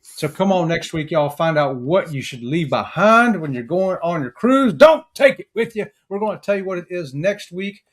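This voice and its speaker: High-voiced playful man. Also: lively intonation, normal speed. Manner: playful, jokey, acts out silly exchanges. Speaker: podcast co-host. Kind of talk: casual podcast chat.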